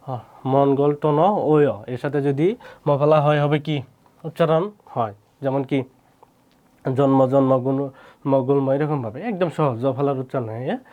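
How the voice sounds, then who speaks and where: Male tutor; brisk exam-prep drill, repeats examples, asks "right?" often. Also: medium pitch, a little mellow, highs cut off. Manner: repeats each example word twice, checks in with "hæ?". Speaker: teacher. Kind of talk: quick exam-prep grammar lesson.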